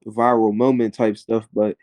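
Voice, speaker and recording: A man, a rapper being interviewed, telling his story in animated casual talk, full of filler words. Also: fairly low pitch, moderate pace, no echo.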